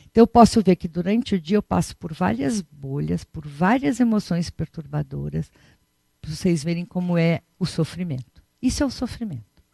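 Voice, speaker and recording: Mulher animada em palestra budista, som seco. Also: female voice, medium pitch, darkish tone, dry recording. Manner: chatty, rhetorical questions, frequent tag "né?". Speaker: Buddhist teacher. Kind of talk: conversational dharma talk.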